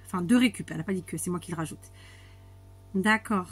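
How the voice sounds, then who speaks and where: A woman vlogging about scrapbooking, chatting casually and warmly as she opens her mail, often restarting words and laughing softly. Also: lowish voice, a little fast, husky. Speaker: scrapbooking YouTuber. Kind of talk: casual chat while opening mail.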